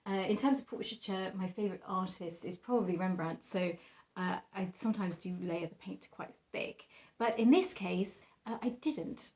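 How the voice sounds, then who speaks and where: In a loose, rambling vlog, a young adult painter presents her artwork, laughing at herself and hesitating as she goes. Her voice sits at medium pitch with a darker tone, and she keeps a moderate speed.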